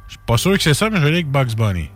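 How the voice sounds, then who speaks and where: A man's voice: mid-range voice, sing-song, racing, over music. A man with a Quebec French accent, co-hosting a radio game with jokey, mock-defensive banter. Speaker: radio co-host.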